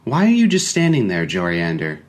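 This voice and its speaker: A man voicing a brisk, controlling woman who runs a household and scolds. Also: deep voice, huge pitch swings. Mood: curt. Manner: curt, scolding.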